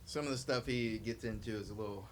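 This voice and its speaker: A man's voice: lowish voice, fast talker, slight background noise. A man co-hosting a live podcast in loose, casual chat, rambling and joking as he reads things aloud. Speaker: podcast co-host. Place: live-streamed podcast at home.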